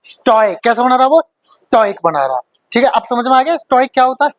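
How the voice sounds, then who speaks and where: A man's voice: extremely high pitch, expressive, brisk, no echo, muffled recording. A male teacher giving a vocabulary lesson, who asks questions and then answers them himself, repeating the key words for emphasis.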